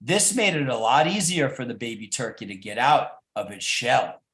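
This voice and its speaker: A man reading a children's story aloud as a storyteller, with an animated, coaxing manner. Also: mid-range voice, normal speed. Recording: echoey room.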